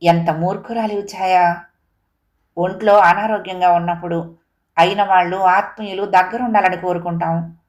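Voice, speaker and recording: A woman's voice: fairly low pitch, fairly even intonation, normal speed, natural voice. A woman voicing a feverish, hurt husband who pleads earnestly with his wife. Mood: pleading.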